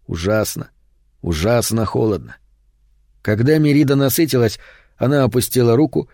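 Male audiobook narrator, dark mellow voice, horror reading. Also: medium pitch, dry recording, clean studio sound. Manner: steady, measured storytelling.

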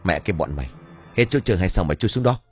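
A man voicing a gruff older village man who scolds children in a growling way. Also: sits low, animated, quick pace, darkish tone, faint music behind. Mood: scolding.

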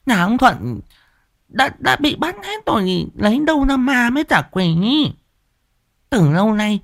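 Man doing a shrill scolding village wife. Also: sing-song, unhurried, creaky, a bit bright, full character voice. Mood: scolding, doubtful. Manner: nagging, mocking. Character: sharp-tongued village wife, scolding and doubtful.

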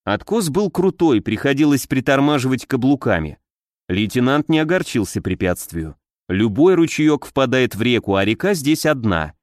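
Male audiobook narrator, steady reading, dry studio sound. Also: mid-range voice, normal speed, no echo. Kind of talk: scripted narration.

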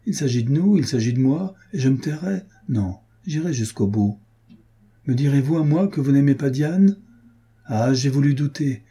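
A man voicing a jealous, passionate noblewoman in an audiobook reading, raising his pitch as she pleads and rages. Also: warm tone, husky. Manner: pleading then bitter, vengeful. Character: jealous, passionate noblewoman scorned by her lover.

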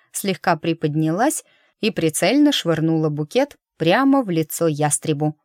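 Woman reading a novel aloud, low pitched and even, dry close mic. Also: no room sound. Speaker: audiobook narrator. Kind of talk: scripted narration.

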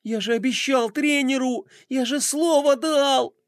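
A flustered young boy who exclaims and frets in a high, bouncy voice, as a man puts him on. The storybook reading is dry and close, with no room sound. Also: animated, extremely slow, fairly bright tone, no room sound, exaggerated voice. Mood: panicked. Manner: exclaiming and fretting.

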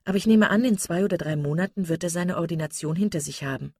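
Woman doing a calm polite young lady, low husky voice, dry audiobook sound. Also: quick pace, no room sound. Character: composed sensible young woman. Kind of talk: audiobook character reading.

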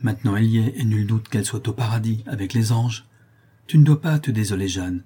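A gentle young man who speaks softly and consolingly, as a man reads him aloud. The voice stays low, warm and husky. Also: fairly quick. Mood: tender. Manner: soft, consoling. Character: gentle young man comforting a grieving friend.

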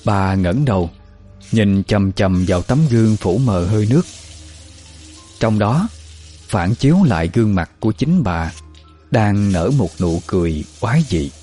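A male storyteller reading a scripted horror tale in a steady, measured way. His voice sits low and mellow, with quiet music running underneath. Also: slightly rough. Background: faint music.

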